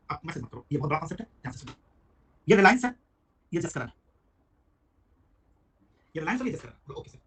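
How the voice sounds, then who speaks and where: A man teaching a live online tax class, talking quickly and calling on students by name. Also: very high-pitched, fairly bright tone, breathy edge. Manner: rapid, chatty, addresses students by name. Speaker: GST teacher.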